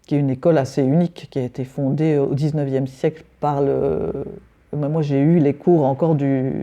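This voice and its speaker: Middle-aged woman, interview guest; halting answers, gravelly and deep-toned. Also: dark tone, dull audio. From Belgium. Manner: hesitant, many fillers and restarts. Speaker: decorative painter, interview guest.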